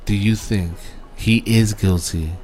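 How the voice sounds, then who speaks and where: A man's voice: on the low side, fairly even intonation, takes it slowly, darkish tone. A man in casual political chat, teasing and pressing with questions, dropping in Spanish words.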